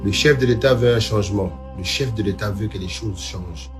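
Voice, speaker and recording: Male police official, low voice, formal declarative statement, loud music mixed over it. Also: a little fast. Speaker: police commissioner making a statement.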